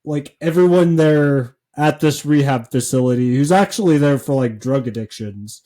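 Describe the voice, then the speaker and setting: A man co-hosting a podcast, talking casually with deadpan sarcasm and lots of filler words. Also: fairly high pitch, moderate pace. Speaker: podcast co-host.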